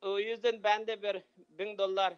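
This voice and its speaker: A man with a Uyghur accent speaking halting, broken non-native Turkish on a live call, often repeating himself. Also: high-pitched, flat delivery, clean tone, highs cut off. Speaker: phone-in donor, university teacher. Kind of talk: live phone-in conversation.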